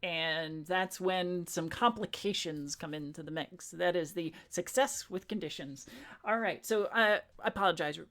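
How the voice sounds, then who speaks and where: A woman game master narrating and explaining a tabletop game, halting with many pauses. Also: lowish voice, a bit bright.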